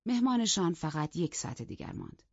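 A woman reading a novel aloud in calm, even scripted narration, in a dull, lo-fi recording. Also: lowish voice, dry recording. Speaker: audiobook narrator. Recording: dull lo-fi, dry.

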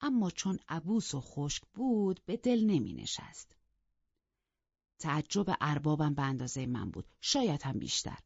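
A woman reading a novel aloud in calm, even scripted narration, in a dull, lo-fi recording. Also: deep voice, creaky, husky, no room sound. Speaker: audiobook narrator. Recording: dull lo-fi, dry.

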